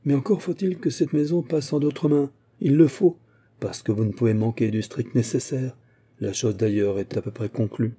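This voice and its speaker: Male reader as a fatherly old scholar, gentle but flustered, dark husky voice, sometimes rising. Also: mid-range voice, normal speed. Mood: earnest. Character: kindly elderly male scholar and guardian.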